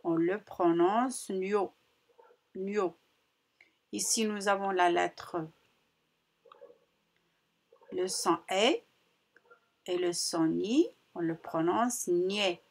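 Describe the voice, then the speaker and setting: In a phonics lesson for young children, a female primary school teacher drills sounds, saying them slowly, clearly, and repeatedly. She speaks in a breathy voice that is fairly low in pitch.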